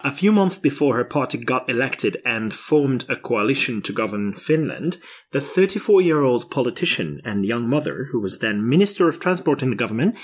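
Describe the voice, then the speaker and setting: A man in his late thirties co-hosts a casual podcast chat. He walks through a news story with easy laughs. His pitch rises and falls a lot as he talks. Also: husky. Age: 30s. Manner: chatty, laughs often, explains news stories. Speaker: podcast co-host.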